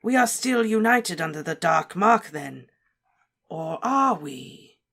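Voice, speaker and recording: A woman voicing a cold, cruel male dark wizard lord, speaking softly, slowly and with deliberate menace. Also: lowish voice, sing-song, pitched above the performer's own voice, heavily acted. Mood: menacing. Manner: soft, menacing, slow and deliberate.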